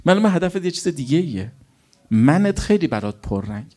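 A man's voice: a little high, sing-song, mellow. A middle-aged man, a cleric, preaching a sermon with anecdotes told as quoted dialogue and rhetorical questions to his listeners.

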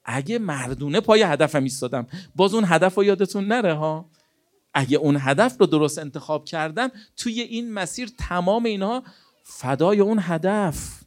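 A man's voice: high voice, expressive. A man preaching a sermon in an earnest, exhorting way, often asking rhetorical questions. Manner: rhetorical questions, acts out imagined dialogues.

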